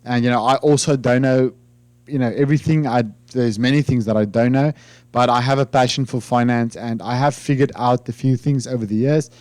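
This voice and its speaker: Speaking casually to his finance channel, this Afrikaans-speaking man from South Africa has a South African accent and a slightly mellow, medium-pitched voice. He talks fairly quickly with fairly level intonation on a dry recording. His delivery is hesitant and wandering, full of fillers and false starts.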